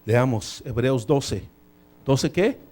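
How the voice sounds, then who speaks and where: A male pastor preaching a sermon in a church. He talks in animated bursts, swinging between loud emphasis and quiet asides, and drops in English phrases now and then. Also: mid-range voice, slow. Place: church sanctuary.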